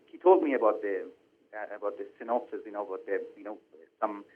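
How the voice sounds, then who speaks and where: Halting Iranian-born man on a phone line. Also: lowish voice, animated. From Iran. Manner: halting, many fillers and restarts. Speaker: film director. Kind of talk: interview over the phone.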